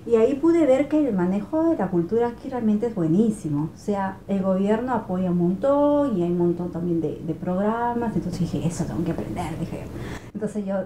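A woman's voice: mid-range voice, expressive, moderate pace, warm tone. A young woman with a Peruvian accent, a guest chatting earnestly in a small bedroom, picked up by a far camera. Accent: Peruvian Spanish. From Peru (Ica). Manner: earnest, searching for words. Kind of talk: casual conversation. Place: small pink bedroom, indoors. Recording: roomy indoor sound, faint noise.

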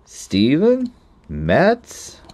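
A man chatting casually to viewers while opening trading card packs, nervous and then bursting into loud excited exclamations. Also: a little high, extremely slow, no echo. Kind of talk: casual pack-opening commentary.

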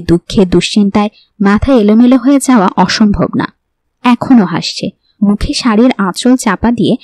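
A woman narrating a horror novel in a calm storytelling voice. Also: mid-range voice, dry recording. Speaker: audiobook narrator. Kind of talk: storybook narration reading all parts.

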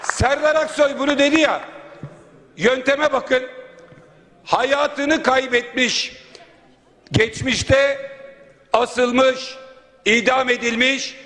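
Male MP at a podium microphone, high voice, indignant and rhetorical, chamber reverb. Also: steady tone, very slow, long pauses, fairly bright tone, some chatter behind. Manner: indignant, rhetorical, listing points. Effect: speaking at a podium microphone. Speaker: member of parliament. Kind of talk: parliamentary floor speech. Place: large parliament chamber. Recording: long reverb of a large hall.

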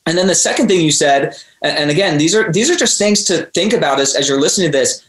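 In motivational interview talk, a podcast host speaks to his listeners directly, earnest and preachy in tone. He talks fast in a slightly high voice. There is echo from the room.

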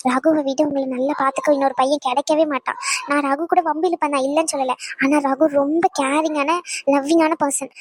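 A woman's voice: high-pitched, close to an everyday voice. A woman voicing a young woman in a cartoon who coaxes and persuades a friend. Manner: coaxing, persuasive.

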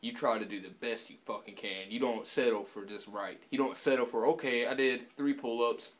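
A young man talking casually to camera with dip in his lower lip, laid-back and swearing often, filmed at home with the camera on a subwoofer. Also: fairly even intonation, moderate pace. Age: young adult. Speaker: vlogger. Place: indoors, room at home.

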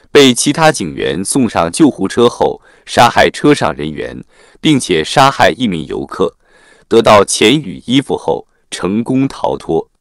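A man recaps a film in scripted narration, using a low voice whose pitch rises and falls in a lively way despite the formal, written phrasing. The recording is dry and close.

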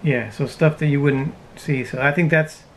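A man's voice: fairly high pitch, steady tone, moderate pace, slight background noise, poor audio. A man in his thirties chatting casually in an easygoing, rambling way, seated inside a parked RV and speaking to a camera close in front. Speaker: vlogger. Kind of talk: casual chat.

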